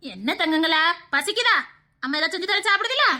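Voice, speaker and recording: A woman's voice: very high-pitched, fairly quick, noisy background, voice pushed down, heavily acted. A woman voicing a protective motherly aunt who coos endearments at the children. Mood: doting. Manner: cooing endearments, lively rise and fall.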